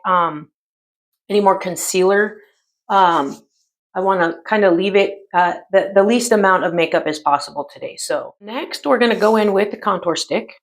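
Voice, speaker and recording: A woman in her mid-fifties chatting casually through a makeup tutorial, rambling with many pauses and fillers. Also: medium pitch. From United States. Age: 50s. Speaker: beauty vlogger.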